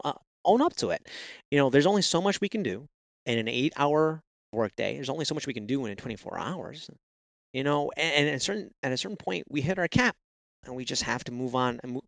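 Male podcast guest with a gravelly voice, speaking casually and haltingly. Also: mid-range voice, fairly bright tone, no echo. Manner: halting, repeats words and restarts phrases. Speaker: podcast guest, SEO consultant.

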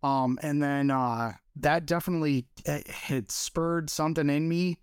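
A man from Michigan speaks as a podcast guest, searching for words with frequent fillers and self-corrections. His voice sits a little high and sounds smooth and resonant. The recording is dry and close. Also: fairly even intonation, measured pace, no echo. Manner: hesitant, many fillers and restarts, laughs easily. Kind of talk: casual interview chat.

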